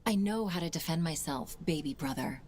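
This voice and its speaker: A young woman fighter in a game, a teasing older sister whose voice rises and falls with lively, animated pitch and sits on the low side for a woman. She sounds curious and playful, with a faint hiss of noise under the audio. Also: brisk. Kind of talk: game cutscene dialogue.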